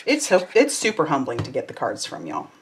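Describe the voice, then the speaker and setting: A woman hosts a crafting livestream, chatting casually as she works and reading out viewer comments in a warm, effusive way. Her voice has an extremely low pitch that swoops wildly, she talks fairly quickly, and there's slight background noise.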